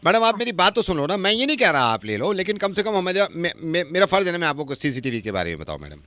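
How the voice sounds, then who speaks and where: A man's voice: high-pitched, big pitch swings, sharp tone, dry recording. A man hosting a radio prank call, pushy and needling as he keeps pressing the person on the line. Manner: pushy, fast-talking, needling.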